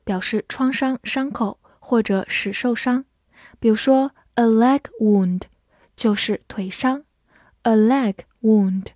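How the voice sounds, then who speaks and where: Woman, English teacher, scripted vocabulary lesson, clear and patient, mellow tone, dry close recording. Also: a little high, no echo. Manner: clear, patient, reads English examples slowly for repetition.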